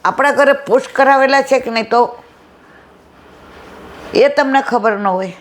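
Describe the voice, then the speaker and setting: A woman's voice: high voice, measured pace. A woman giving a devotional satsang talk, telling anecdotes with acted-out dialogue and rhetorical questions. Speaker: satsang speaker.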